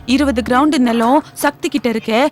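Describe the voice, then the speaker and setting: A woman's voice: sits high, normal speed, natural voice. An actress playing a scheming woman who stirs up family trouble, gloating in private and faking concern, in a TV serial. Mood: hesitant. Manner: gloating and sly, fake concern in company. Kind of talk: TV serial acting. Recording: TV soundtrack with music underneath.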